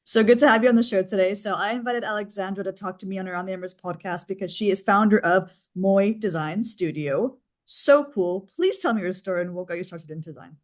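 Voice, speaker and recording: A woman's voice: mid-range voice, brisk, hardly any pauses. A woman hosting a podcast, interviewing a guest in an upbeat, effusive way. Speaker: podcast host.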